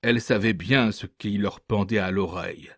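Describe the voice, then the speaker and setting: A man's voice: on the low side, moderate pace, no room sound, clean studio sound. A man voicing a boastful, scornful male ship's interpreter telling a mocking tale in a storybook reading. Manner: lively mocking anecdote-telling.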